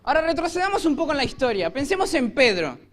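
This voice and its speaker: Argentine pastor preaching in church, high voice, acts out the story with shouts. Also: male voice, big pitch swings, fast. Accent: Rioplatense Spanish. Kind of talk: sermon.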